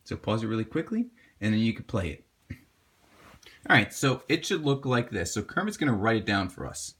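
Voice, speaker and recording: A male math teacher with a husky, low voice that rises and falls a lot as he explains. He patiently talks viewers through a word problem and tells them to pause and work along. His tone stays encouraging throughout. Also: very animated, a bit bright. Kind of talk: homework help video lesson.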